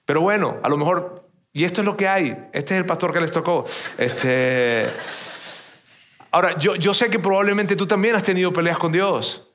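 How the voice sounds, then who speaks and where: A man in his fifties, a pastor from Venezuela, preaches to a church congregation in a loose, chatty way. His voice sits high for a man. He stumbles over and repeats words and keeps turning to the listeners with little questions. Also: animated, normal speed, a bit bright. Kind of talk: conversational sermon.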